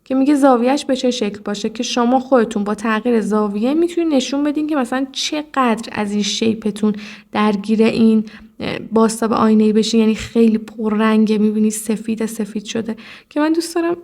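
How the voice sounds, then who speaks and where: Woman, fairly high-pitched, tutorial voice, explains each step, keeps telling you to look. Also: darkish tone. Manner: explanatory, addresses viewer directly, frequent "look". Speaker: video editing tutor.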